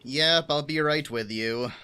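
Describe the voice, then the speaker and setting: A man's voice: on the high side, unhurried, bright, forceful tone, slight background noise. A man doing casual, chatty live commentary as he streams a video game.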